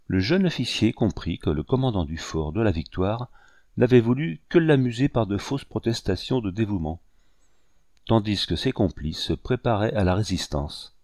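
A man reading a historical novel aloud in measured, even narration. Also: fairly low pitch, no echo, clean studio sound. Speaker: audiobook reader. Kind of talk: scripted narration.

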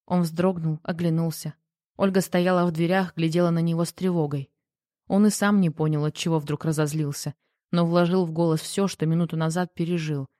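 A woman narrating an audiobook in a measured, subdued way. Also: low-pitched, fairly even intonation, warm tone, no room sound, clean studio sound.

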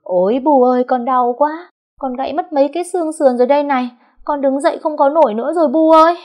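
A woman voicing a brash, hot-tempered young wife who shouts and wails shrilly. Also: lowish voice, expressive, a little fast, breathy edge. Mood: wailing.

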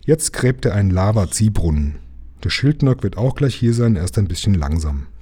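Lukas, gruff steady engine driver, voiced by a man. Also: lowish voice, moderate pace. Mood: cheerful. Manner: gruff, grumbling. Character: burly good-natured engine driver, calm and steady.

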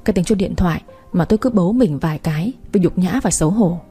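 A woman's voice: on the low side, quick pace, mellow, slightly rough, soft background music. A woman reading a first-person story aloud as an audiobook narrator, voicing the other characters' lines in her own voice. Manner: reads dialogue of several characters in her own voice.

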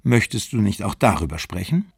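A man's voice: lowish voice, very animated, a little fast, creaky, husky, no room sound, clean studio sound, exaggerated voice. A man reading an eager young daughter. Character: young woman, a daughter seeking approval.

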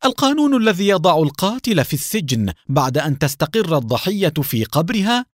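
Brief: cold, sarcastic masked gunslinger, read by a man, lively pitch, dry sound. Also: a little fast, no echo, natural voice. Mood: mocking. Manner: calm, mocking. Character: calm masked vigilante cowboy, a grown man, cold and sarcastic.

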